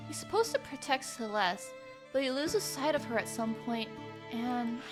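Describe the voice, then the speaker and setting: A young woman streaming a game, reading the story text aloud and chatting between lines in a bubbly way. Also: a little high. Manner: bubbly and chatty, laughing often. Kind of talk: live-stream playthrough, reading visual novel text aloud.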